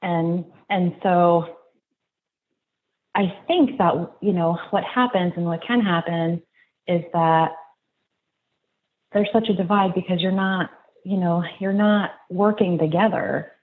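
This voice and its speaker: A woman guest in an interview, reflecting slowly and haltingly, restarting her sentences. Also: on the low side. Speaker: podcast guest. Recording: tinny phone-like line, faint noise.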